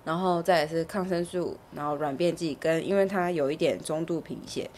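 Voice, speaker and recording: Podcast co-host: young woman, Taiwanese Mandarin accent, slightly low voice, playful and giggly, casual, faint noise behind. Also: brisk, a little mellow. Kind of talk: casual chat.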